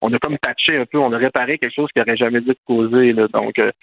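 A man's voice: mid-range voice, fairly even intonation, fast, gravelly, no room sound. A man with a Quebec French accent explaining things as a guest in a radio interview. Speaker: interview guest, immigration professional. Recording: tinny narrow-band phone line.

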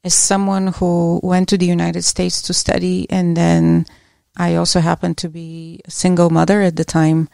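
A middle-aged Bulgarian academic answers interview questions as a guest, measured and reflective, with small restarts. Her lowish voice is flat, gravelly and darkish, recorded with clean studio sound and no room sound.

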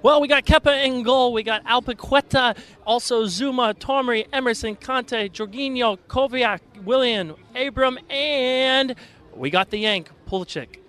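A male correspondent casually lists a football line-up in a very high, bright, smooth voice. He is heard from a distant mic outdoors with traffic passing. The listing drawls along at an easy pace. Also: normal speed. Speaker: radio sports correspondent. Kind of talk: reading a team line-up.

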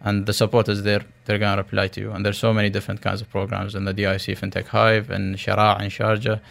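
A man with a low, gravelly voice speaks as a startup founder in a radio interview. His delivery is flat in pitch and full of tech-business jargon, with halting restarts as he pitches.

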